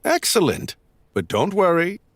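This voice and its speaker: An eccentric, theatrical English teacher, lecturing slowly with very lively pitch. The recording is dry and close. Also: male voice, no room sound, exaggerated voice. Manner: slow, dramatic classroom delivery.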